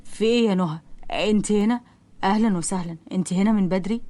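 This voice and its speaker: A woman voicing a young man who runs a company, speaking businesslike Egyptian Arabic in a lowered voice. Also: fast, warm tone, natural voice. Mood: friendly.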